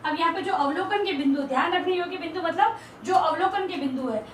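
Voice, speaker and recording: A young woman, a teacher in training, delivers a slow and deliberate classroom lecture in a high voice, repeating key terms as she writes. She sounds distant from the mic in an echoey room. Faint hiss sits under the recording.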